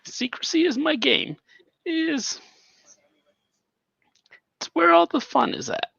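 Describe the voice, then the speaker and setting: A man's voice: very high-pitched, big pitch swings, slow, gravelly, pushed and bright, dry recording, muffled recording, voice pushed up, full character voice. A man voicing a secretive male informant with a voice modulator, talking in a sly sing-song way. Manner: sing-song, wheedling, theatrical.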